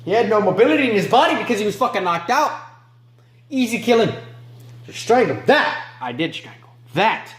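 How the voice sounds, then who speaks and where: A man playing a remorseless male killer in an amateur film monologue, moving between low mutters and sharp outbursts. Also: sing-song, brisk, echoey room. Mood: low, menacing. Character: remorseless male killer recounting his crimes.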